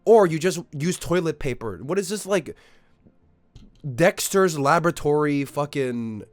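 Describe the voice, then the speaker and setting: A man's voice: a little high, lively intonation, measured pace, no echo. A young man, ranting in a casual, profane way at his live-stream chat. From Australia. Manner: incredulous, profane, exaggerated ranting.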